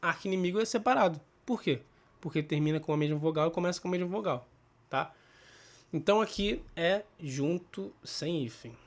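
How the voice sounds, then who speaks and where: A Brazilian man teaching a casual Portuguese spelling lesson, explaining step by step, thinking aloud and often checking in with quick tag questions. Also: fairly high pitch. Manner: thinks aloud with restarts and self-corrections. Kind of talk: casual spoken grammar lesson.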